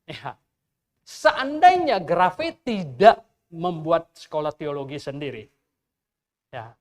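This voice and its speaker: Older guy pastor preaching in church, super animated up and down voice, chatty storyteller asking the crowd stuff. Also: a little high, slow. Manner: conversational, animated storytelling with rhetorical questions. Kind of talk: sermon. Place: church during a Sunday service.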